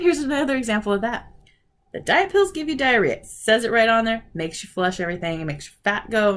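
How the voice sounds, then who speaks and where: A woman in her forties chatting casually in a vlog, telling stories with animated retellings of conversations and sounding frustrated. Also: mid-range voice, slight background noise. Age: 40s. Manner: animated storytelling, acting out quoted conversations; frustrated, ranting. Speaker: vlogger. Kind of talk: casual chat.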